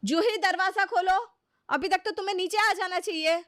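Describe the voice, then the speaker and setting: A woman voicing a bossy elder sister-in-law who scolds loudly and sharply. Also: very high-pitched, moderate pace, no echo, studio quality, pitched above the performer's own voice. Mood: scolding, exasperated.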